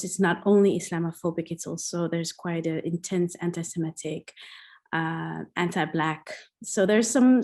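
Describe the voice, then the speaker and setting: A Somali diaspora researcher, born in Egypt and raised in the Netherlands, gives an online talk over a video call, partly reading from notes. She speaks hesitantly with many fillers in a fairly low, darkish voice.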